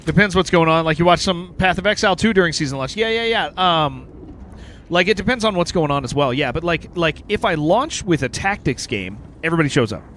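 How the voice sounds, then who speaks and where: A man chats casually to his audience while streaming a game, rambling along with plenty of fillers and a friendly "dude" here and there. His voice sits a little high for a man. A faint hum of noise runs under the recording. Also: expressive, fast talker, fairly bright tone. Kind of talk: casual live-stream commentary while gaming.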